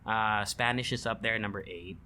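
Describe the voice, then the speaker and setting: A man's voice: fairly low pitch, steady tone, normal speed, sharp tone, slight background noise. A man co-hosting a casual podcast, chatting and reading through a ranked list with frequent laughs. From Philippines. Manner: chatty, breaks into laughter, reads a list aloud. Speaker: podcast co-host. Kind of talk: casual chat.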